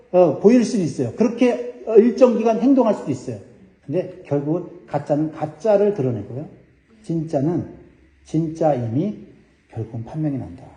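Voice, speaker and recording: Male pastor, earnest sermon, high voice, echoey church room. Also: dark tone. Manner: earnest preaching, addressing congregation directly.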